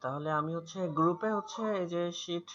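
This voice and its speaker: A man's voice: high voice, normal speed, a bit bright. A man with a Bangladeshi accent teaching English pronunciation in an online class, patiently repeating words for students over a video call. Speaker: English tutor. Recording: muffled video-call audio.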